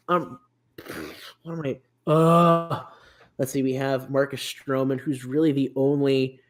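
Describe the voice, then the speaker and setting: A man hosting a casual sports podcast, rambling through a list with many restarts, fillers and self-deprecating asides. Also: mid-range voice. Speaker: podcast host.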